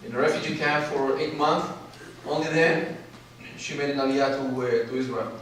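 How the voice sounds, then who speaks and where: Halting Ethiopian-born man in a hall. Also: mid-range voice, flat delivery, a bit bright. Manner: halting, many filler pauses. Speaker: guest speaker. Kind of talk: personal story speech. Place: large hall. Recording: very echoey hall from far off.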